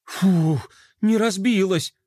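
A man's voice: high-pitched, brisk, no room sound, studio quality, voice pushed up, close to an everyday voice. A man voicing a superstitious, jittery young boy in a children's story, who talks in an anxious, panicky way.

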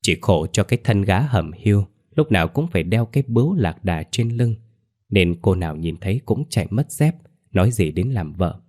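Deep-voiced man narrating a ghost story. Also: a little mellow. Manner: measured, somber storytelling. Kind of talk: scripted narration.

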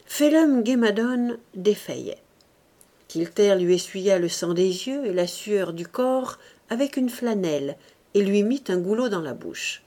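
A woman narrating a classic novel as an audiobook in a deliberate, expressive reading. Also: mid-range voice.

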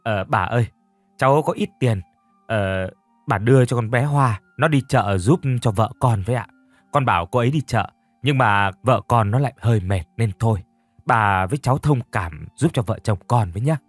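A man's voice: mid-range voice, moderate pace, no echo, soft background music, lightly acted. A man voicing a hesitant, placating young husband in an audio story. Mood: apologetic. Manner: hesitant, apologetic.

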